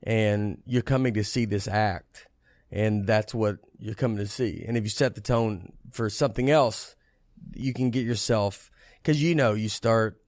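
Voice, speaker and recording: A stand-up comedian chatting on a podcast in a rambling way, with many halting restarts. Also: male voice, fairly low pitch, a little mellow, no echo. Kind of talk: casual podcast chat.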